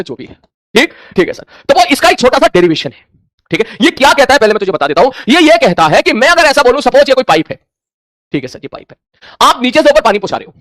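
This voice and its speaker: Give me a man teaching a physics class, quick and lively, playing out his students' questions. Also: sits high, no echo, clean studio sound. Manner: animated, acts out student questions in dialogue; mixes Hindi with English terms. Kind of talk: classroom lecture.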